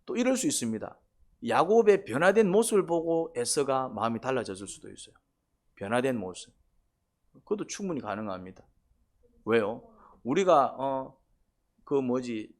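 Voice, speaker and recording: A man's voice: mid-range voice, darkish tone. A male pastor preaching a sermon in a conversational way, asking questions and answering them himself, and sometimes acting out quoted voices.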